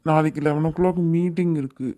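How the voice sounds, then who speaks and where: A woman's voice: sits low, fairly even intonation, fairly quick, dark tone, close to an everyday voice. A woman playing an irritable young businessman. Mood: calm. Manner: irritable, offhand, dismissive. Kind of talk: cartoon voice acting.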